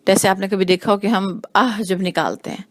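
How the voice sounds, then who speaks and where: A woman teaching Quran recitation rules, explaining slowly and repeating each sound to demonstrate it. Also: mid-range voice, fairly even intonation. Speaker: tajweed teacher. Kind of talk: patient recitation lesson.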